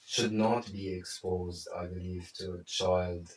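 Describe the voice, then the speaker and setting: A Lebanese consultant with a low, level voice chats casually and slowly, rambling along with lots of fillers and restarts. The room echoes and the mic sits far away.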